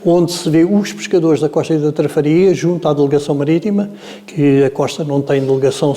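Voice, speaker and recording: A man's voice: on the high side, dark tone, big-room sound. A man in his seventies with a Lisbon-area Portuguese accent, telling family history in a meandering, hesitant way full of filler sounds. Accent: European Portuguese, Lisbon area. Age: 70s. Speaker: interviewee. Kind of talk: oral history storytelling.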